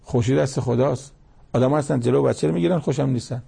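A man's voice: mid-range voice, creaky, warm tone, breathy edge. A male preacher giving a colloquial sermon that explains scripture, telling anecdotes and breaking into emphatic exhortations.

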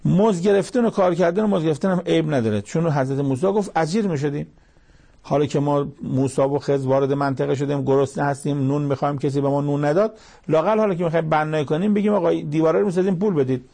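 A man's voice: a little high, creaky, mellow. A man preaching Quran commentary, building emphasis with rhetorical questions. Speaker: cleric teaching Quran commentary. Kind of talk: sermon.

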